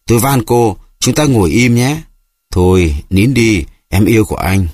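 A man's voice: on the low side, lively intonation, normal speed, darkish tone, no echo, studio quality. A man voicing a flustered husband who pleads and protests in exasperation. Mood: pleading.

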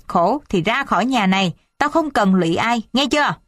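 A woman voicing a bad-tempered middle-aged father who shouts and scolds his family. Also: sits high, lively intonation, normal speed, no echo, studio quality. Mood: angry shouting.

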